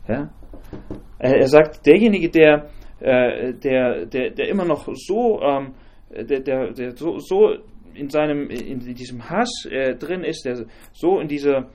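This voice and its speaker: A man teaching a Bible study group, talking in a halting way with many fillers and restarts and asking the group questions. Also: medium pitch, expressive, a little mellow.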